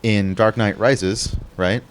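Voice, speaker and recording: A man's voice: fairly low pitch, fairly even intonation, slow, a little hiss or hum. A man co-hosting a podcast, chatting casually about movies with lots of fillers and restarts. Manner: rambling, many restarts and fillers. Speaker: podcast co-host.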